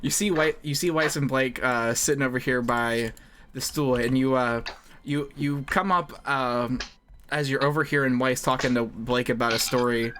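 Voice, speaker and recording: A man's voice: mid-range voice, normal speed, a bit bright, a little hiss or hum. Laughing, easygoing male game master. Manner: loose, hesitant, laughing often. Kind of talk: narrating a tabletop game.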